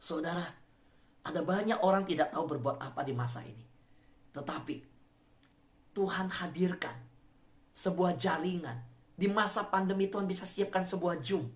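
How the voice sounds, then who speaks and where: A woman's voice: on the low side, moderate pace, pauses often. Dramatic woman preacher, echoey room. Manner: dramatic preaching with big swings between loud peaks and hushed passages. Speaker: pastor. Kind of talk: sermon.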